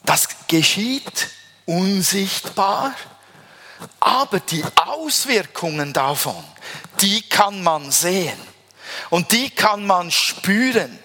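A man delivers a sermon in a fairly high, bright, ringing voice. He is emphatic and draws out key phrases slowly for weight. His voice carries a long reverb, as in a large church hall. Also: big pitch swings. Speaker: preacher.

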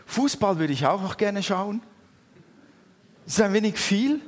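A middle-aged man with a Swiss German accent, telling a personal story in a sermon with lively, animated delivery. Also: sits high, unhurried. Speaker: preacher. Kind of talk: anecdotal sermon. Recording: long reverb in a hall.

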